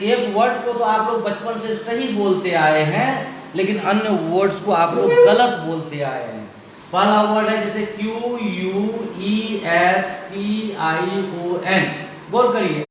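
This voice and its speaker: Male teacher, higher voice, slow deliberate delivery, recorded far from the mic with heavy echo. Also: a little hiss or hum. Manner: slow, emphatic, repeats each rule. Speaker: English teacher. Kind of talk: classroom-style pronunciation lesson. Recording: far from the mic in a very echoey room, faint ambience.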